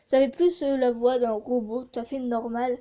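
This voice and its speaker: A woman's voice: fairly high pitch, level tone, normal speed, dark tone, dull audio. A woman chatting casually in a vlog, with many hesitations, reviewing voice changer effects. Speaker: gaming YouTuber testing a voice changer app.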